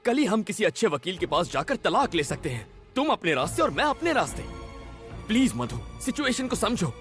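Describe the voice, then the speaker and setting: A nervous young male officer in a Hindi film dub, pleading and protesting in urgent bursts. His voice runs high and swings widely in pitch, with film music underneath. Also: sing-song, brisk, fairly bright tone, exaggerated voice. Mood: frustrated. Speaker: police officer character. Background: film score.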